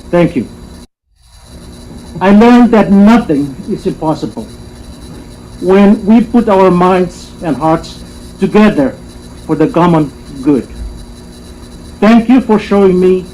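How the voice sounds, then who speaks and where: A man speaking as a convention delegate, giving a formal closing speech with measured, emphatic repetition. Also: sits high, warm tone, rough recording. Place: assembly hall. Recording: faint room noise, live stream.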